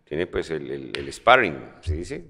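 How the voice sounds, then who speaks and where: A man's voice: extremely low pitch, very animated, unhurried, gravelly, bright, forceful tone. A man with a Colombian accent, a guest actor on a podcast, telling stories in a joking, slangy way. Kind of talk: casual podcast conversation.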